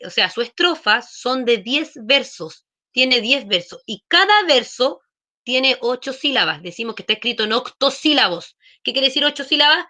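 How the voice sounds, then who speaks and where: A woman's voice: fairly high pitch, bright, forceful tone. A woman teaching an online class, explaining patiently and checking in with frequent questions. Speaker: schoolteacher.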